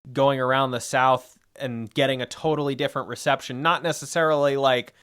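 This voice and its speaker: A man with a smooth, resonant voice at an ordinary middle pitch co-hosts a history discussion podcast. He rambles casually, piling up fillers and restarting his sentences as he thinks aloud. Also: steady tone, fairly quick, a bit bright. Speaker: podcast co-host.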